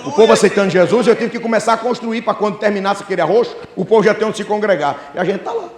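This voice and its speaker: A Brazilian Portuguese-speaking male pastor preaching a fiery sermon, swinging between shouts and laughing asides. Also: high-pitched, very fast, a crowd in the background. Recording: echoey church hall.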